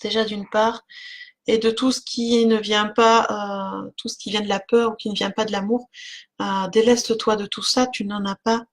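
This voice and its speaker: A woman's voice: mid-range voice, little pitch movement, moderate pace. A woman giving an oracle card reading on a live stream, chatting with viewers by name, with lots of fillers and little laughs.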